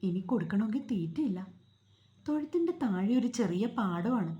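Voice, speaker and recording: Mellow-voiced woman telling a story. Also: medium pitch, animated, moderate pace, dull audio. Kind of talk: storytelling narration. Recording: roomy echo.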